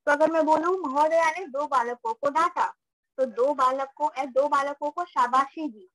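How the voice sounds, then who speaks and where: A woman's voice: sits high, moderate pace, a bit bright, dry recording, low-quality recording. A woman teaching a live online class, patiently repeating points and checking that students follow. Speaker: Sanskrit teacher.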